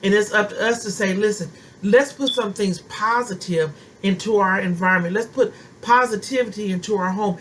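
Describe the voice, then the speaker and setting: A woman's voice: mid-range voice, normal speed, a little hiss or hum, poor audio. A woman preacher giving an informal, fervent sermon to her viewers, talking conversationally and repeating phrases for emphasis. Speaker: preacher and self-styled prophetess.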